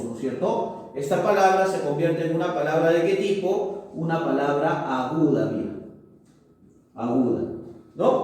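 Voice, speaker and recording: A male teacher giving a grammar lesson, explaining slowly and posing questions to himself that he then answers. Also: sits high, darkish tone. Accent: Peruvian Spanish. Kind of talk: recorded classroom lesson. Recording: echoey room, mic far off.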